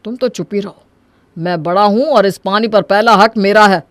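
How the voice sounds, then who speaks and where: A woman voicing a hot-tempered young man who demands his share and bosses his family around, in an animated story. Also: medium pitch, normal speed, no room sound, lightly acted. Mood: bossy. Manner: bossy, domineering.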